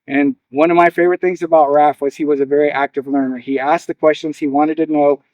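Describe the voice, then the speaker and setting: A man's voice: a little high, fairly even intonation, fast talker, darkish tone, dry recording, muffled recording. A man giving an informal, encouraging speech to a gathering in an earnest way. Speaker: ceremony speaker. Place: live gathering, recorded on video.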